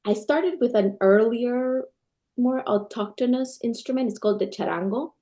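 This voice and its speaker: A Peruvian woman in her thirties, a guitarist and scholar, answers interview questions by telling stories with enthusiasm, sometimes restarting her sentences. Her voice sits on the high side with a dark tone, and she speaks at a moderate pace.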